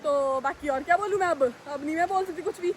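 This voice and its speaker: Chatty high-voiced young woman vlogging outdoors. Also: a little fast, a little hiss or hum, poor audio. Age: young adult. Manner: chatty, self-mocking, dramatic. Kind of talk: casual vlog talk. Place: outdoors on a road.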